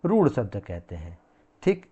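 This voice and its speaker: A man's voice: mid-range voice, wildly swooping pitch, measured pace, warm tone, husky. A man giving a classroom lecture, repeating key words and asking the class questions he then answers himself. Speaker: teacher.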